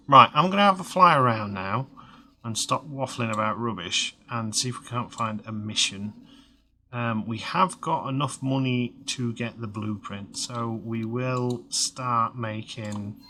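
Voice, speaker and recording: A man in his thirties, slightly hoarse, rambling casually with lots of fillers while commentating a video game. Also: mid-range voice, sharp tone. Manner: rambling, chatty, many fillers and restarts. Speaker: game let's-play host.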